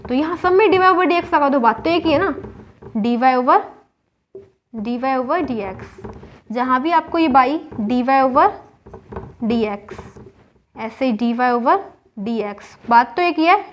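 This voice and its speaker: A woman maths teacher with an Indian accent, explaining a whiteboard lesson step by step and asking and answering her own questions. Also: high voice. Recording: dull lo-fi recording.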